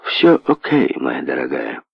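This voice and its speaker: A man reading an audiobook, dropping his voice low and hushed to play an indulgent, evasive rich tycoon who placates his daughter. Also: huge pitch swings, a little slow, vocal fry, breathy edge, no room sound, exaggerated voice. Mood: placating. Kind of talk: audiobook character voice. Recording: dull lo-fi audio.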